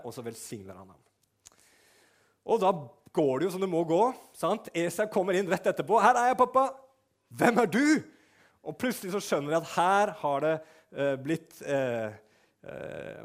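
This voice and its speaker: A man preaching a sermon, retelling a story vividly and briefly acting out the figures' lines. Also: mid-range voice.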